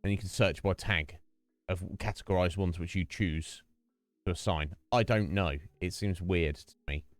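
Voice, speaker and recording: Speaking at a moderate pace in a deep voice, this man hosts a livestream with no room sound and soft music in the background. His casual, rambling chat to viewers is full of restarted sentences, picked up by a noise-gated desk mic.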